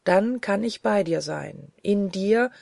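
A reader voicing a commanding angel spirit in a gothic audiobook, with a slow, solemn, prophetic delivery. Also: medium pitch, vocal fry, a little mellow, no echo, clean studio sound.

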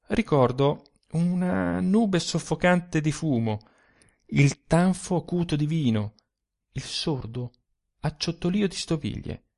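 A male narrator reading a literary tale at an unhurried pace. His voice has a gravelly, creaky edge, and his pitch rises and falls freely. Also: a little mellow.

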